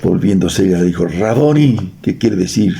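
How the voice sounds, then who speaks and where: His voice sits low, creaky and mellow, with lively intonation at a moderate pace, over slight background noise. He is a Bolivian-accented man preaching in church, reading scripture, joking and quizzing the congregation.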